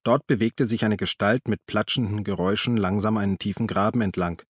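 A man narrates an audiobook in a calm, even storytelling manner. His voice sits low. The recording is close and dry, with no room sound. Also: fairly quick, husky, dry recording. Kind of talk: scripted narration.

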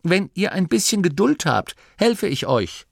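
A small, bold nome hero calling down to his friends in a raised, lively voice well above a man's usual register, as a male narrator acts him out. It is recorded dry and close. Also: fairly high pitch, moderate pace, creaky, no room sound, voice pushed up. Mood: urgent.

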